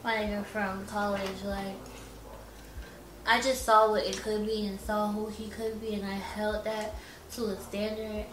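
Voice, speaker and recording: A woman in her late twenties co-hosting a casual podcast chat, blunt and quick to laugh, swearing freely. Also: medium pitch, little pitch movement, distant mic, background noise. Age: 20s. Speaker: podcast co-host. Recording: roomy echo, a bit off-mic.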